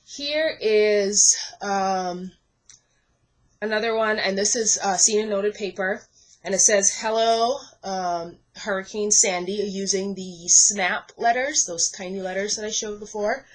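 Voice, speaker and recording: A woman's voice: medium pitch, low-quality recording. Young woman from the Bahamas, chatty scrapbook walkthrough at home, frequent fillers and restarts. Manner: chatty, many ums and self-corrections. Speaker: scrapbooking vlogger. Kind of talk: casual show-and-tell walkthrough. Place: craft desk at home.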